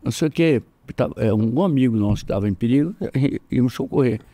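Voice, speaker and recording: An older man with a Brazilian accent, a jiu-jitsu master telling animated stories in an interview, jumping up in pitch when he quotes people. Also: fast, no room sound. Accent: Brazilian Portuguese. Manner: animated, acts out quoted voices with jumps in pitch. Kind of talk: storytelling in casual interview.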